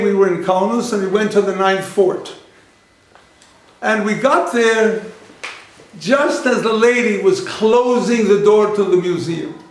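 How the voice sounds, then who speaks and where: Male rabbi lecturer, higher pitch, anecdotal storyteller, very roomy hall sound. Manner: anecdotal, repeats phrases, acts out dialogue. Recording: very echoey lecture room.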